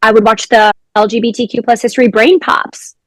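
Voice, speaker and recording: High-voiced woman telling classroom stories. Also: fairly even intonation, a little fast, no room sound. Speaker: guest, former teacher. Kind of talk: casual interview talk.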